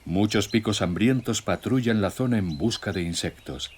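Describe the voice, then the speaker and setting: A man narrating a scripted nature documentary in a measured, solemn storytelling way. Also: fairly low pitch, darkish tone, slight background noise. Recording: music bed with nature sounds. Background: music, birdsong and nature sounds.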